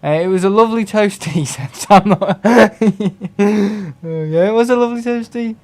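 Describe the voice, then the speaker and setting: While streaming a flight sim, a young man from England speaks in a high, smooth, slightly mellow voice at a moderate pace. He's chatty, self-mocking, frequently laughing and reading chat aloud.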